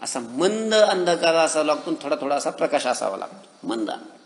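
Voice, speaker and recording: High-voiced man preaching in an echoey hall. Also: very animated. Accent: Marathi. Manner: questioning the listeners and answering himself, drawing out verses slowly. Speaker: kirtan preacher. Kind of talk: devotional sermon.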